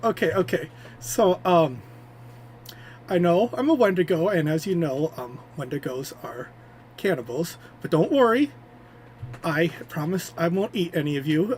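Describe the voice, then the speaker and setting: A man's voice: on the high side, slight background noise. A man giving a nervous, rambling self-introduction on his debut livestream, heard through his streaming microphone. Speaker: VTuber streamer.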